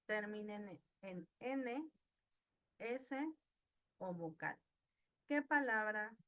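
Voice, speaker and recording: A woman's voice: mid-range voice, bright, forceful tone. A woman teaching an online class, patiently asking her students questions and praising their answers. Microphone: video call.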